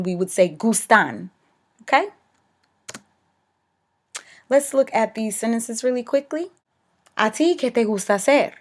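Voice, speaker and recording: A young woman teacher giving a recorded lesson, explaining clearly and checking in with "okay" as she goes. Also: mid-range voice, a little mellow. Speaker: Spanish teacher.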